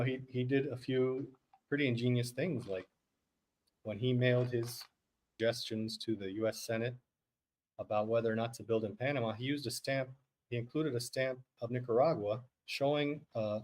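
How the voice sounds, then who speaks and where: A man's voice: mid-range voice, fairly even intonation, normal speed, darkish tone. Rambling, joking male podcast co-host. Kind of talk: casual livestream chat.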